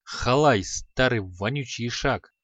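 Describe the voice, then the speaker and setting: A man's voice: medium pitch, measured pace, fairly bright tone, dry recording. A man voicing a proud, irritable young apprentice who grumbles and snaps curtly in an audiobook. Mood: grumpy. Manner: grumbling, curt. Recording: slightly dull audio.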